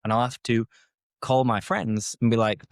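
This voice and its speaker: In clean, echo-free studio audio, a gravelly-voiced British man speaks at medium pitch and normal speed with fairly even intonation. He's an English teacher hosting a learning podcast, improvising a casual monologue and explaining phrases as he goes.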